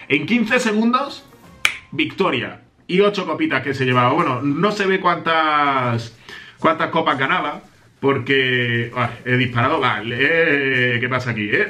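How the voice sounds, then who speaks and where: A man's voice: on the high side, sharp tone. A young man from Spain with a Spain Spanish accent commentates his gameplay in a hyped, boastful way, rattling off repeated words. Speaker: gaming youtuber.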